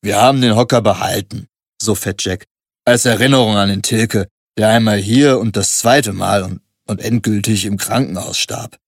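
A gruff barkeeper, voiced by a male narrator, telling a grim story in a blunt, matter-of-fact way. His voice sits low and dry, close to the mic. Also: normal speed, no echo. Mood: regretful. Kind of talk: first-person account in an audiobook.

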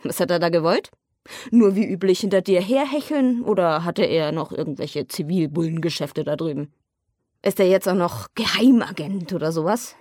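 A woman's voice: fairly low pitch, normal speed, no echo, studio quality, close to an everyday voice. A woman voicing an irritable, jealous young man who talks sarcastically and flares into rants. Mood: sarcastic, suspicious. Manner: sarcastic, escalating into shouting rants.

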